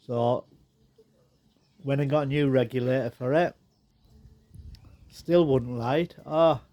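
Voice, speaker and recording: A man's voice: mid-range voice, dry recording. A man with a stuffed-up, nasal voice, chatting casually as he walks around his garden, filming on a handheld phone. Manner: chatty, rambling, relaxed asides. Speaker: garden vlogger. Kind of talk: casual walk-and-talk. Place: outdoor garden.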